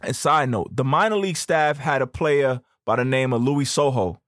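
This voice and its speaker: A young man hosts his own podcast and spins a casual story in loose, slangy talk, dropping "man" at the end of his lines. His middle-pitched voice rises and falls a lot as he gets into it. The sound is dry and close, with no room ring. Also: moderate pace, dry recording. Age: young adult. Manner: animated, slangy, peppered with "man". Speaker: podcast host.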